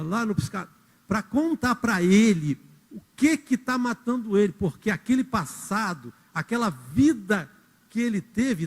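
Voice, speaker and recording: A man preaching a sermon as a church elder, telling stories and speaking directly to the congregation. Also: high-pitched. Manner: storytelling, acts out quotes, addresses the congregation directly. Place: church hall. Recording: reverberant church hall.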